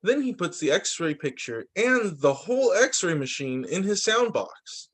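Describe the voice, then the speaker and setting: A male teacher with a high voice reads picture books aloud to young children. His phrasing is deliberate and sing-song.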